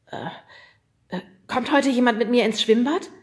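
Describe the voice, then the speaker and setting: A woman's voice: fairly high pitch, moderate pace, voice pushed up, natural voice. A woman voicing a shy, nervous schoolboy who stammers.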